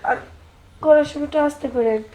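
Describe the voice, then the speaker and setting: Woman doing a sly young bride, high and coy, dodging questions. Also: normal speed, warm tone, slight background noise, close to an everyday voice. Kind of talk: comic audio drama acting.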